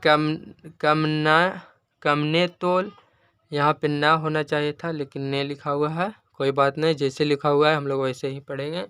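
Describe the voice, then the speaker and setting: A man teaching a reading lesson, spelling out letters and repeating each word slowly and patiently for learners. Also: fairly high pitch, level tone, fairly bright tone, clean tone, no room sound, clean studio sound. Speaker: Urdu teacher.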